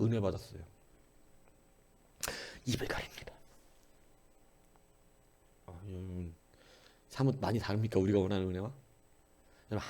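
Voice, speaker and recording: A man preaching a sermon as pastor, animated, with many rhetorical questions and swings between loud exclaiming and quiet murmuring. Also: fairly low pitch, vocal fry, husky. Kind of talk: early-morning sermon.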